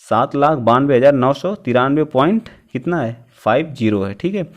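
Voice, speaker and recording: Male math teacher, exam-prep lesson, quizzes the class and talks through each calculation, mid-pitched. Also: lively intonation. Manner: keeps asking the class questions and answers them himself, "ठीक है" after each step; reads out numbers slowly while working them out.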